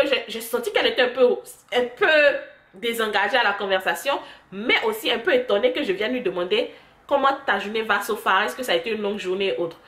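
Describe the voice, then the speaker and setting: A young woman chats to her camera, telling stories with lively, animated asides. Her voice sits fairly high. The recording has a noticeable room echo. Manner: chatty storytelling, animated asides. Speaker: vlogger. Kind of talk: casual chat to camera. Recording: echoey room.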